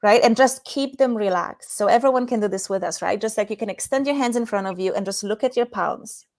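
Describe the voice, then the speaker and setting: In an interview, a woman from Poland with a Polish accent, an expert on intimacy and tantra, talks briskly in a medium-pitched, slightly mellow voice. Her explanations are conversational and rich in examples.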